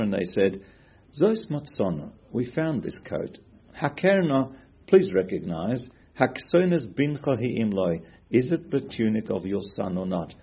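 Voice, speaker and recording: A man's voice: on the low side, gravelly, mellow, breathy edge, muffled recording. A man teaching a Torah class, asking questions and quoting Hebrew sources as he explains them.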